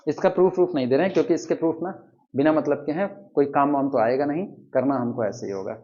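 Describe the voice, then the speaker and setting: A man teaching a math lecture at the board, quizzing his students and slowly counting through terms. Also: fairly high pitch, warm tone, lo-fi sound.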